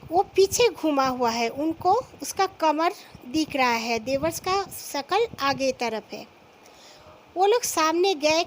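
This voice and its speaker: A woman narrating a listener's ghost story in an unhurried storytelling manner, acting out short quoted lines as she goes. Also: high voice, a little hiss or hum, poor audio.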